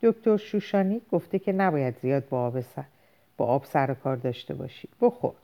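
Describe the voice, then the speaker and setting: A woman voicing a worried, gentle mother who pleads softly with her son and husband. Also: rumbling low, expressive, lo-fi sound. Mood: pleading. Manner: soothing, pleading.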